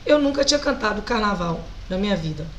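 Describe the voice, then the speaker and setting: A Brazilian woman singer with a Brazilian Portuguese accent, animated and laughing often as she tells stories as a guest in a casual interview. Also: medium pitch, quick pace, a little hiss or hum, poor audio.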